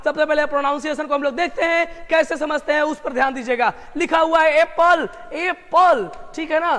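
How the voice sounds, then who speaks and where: A man teaching English grammar online. He drills his students with repeated questions, slows down to stress key terms and breaks into emphatic bursts. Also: very high voice, long reverb tail. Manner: lively with sudden emphatic outbursts.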